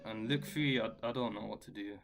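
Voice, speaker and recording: A man giving a relaxed guitar lesson and answering viewers' questions, with a chatty, loose, slangy way of talking. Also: lowish voice, brisk, gravelly. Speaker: guitar teacher. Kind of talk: casual live-stream Q&A. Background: his own guitar playing.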